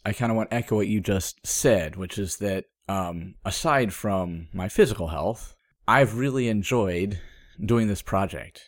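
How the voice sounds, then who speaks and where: A podcast co-host with a fairly low, darkish voice sounds a little stuffed up and under the weather in a casual chat. He talks thoughtfully with fillers and small laughs, captured in studio quality with no room sound.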